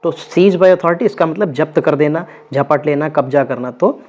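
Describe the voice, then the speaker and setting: A man's voice: fairly high pitch, normal speed, a little mellow. A man teaching an exam vocabulary lesson, going over word meanings and checking in with his students after each one. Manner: repeats words with frequent check-ins.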